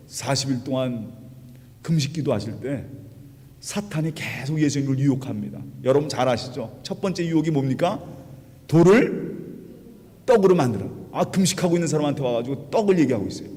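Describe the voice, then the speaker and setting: A man's voice: mid-range voice, mellow, long reverb tail. A male pastor preaching a sermon in a church, emphatic and putting rhetorical questions to the congregation. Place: church sanctuary.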